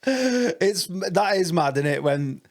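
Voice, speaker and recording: A man hosting a podcast, chatting casually and chipping in with quick banter. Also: sits high, lively intonation. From England. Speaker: podcast host.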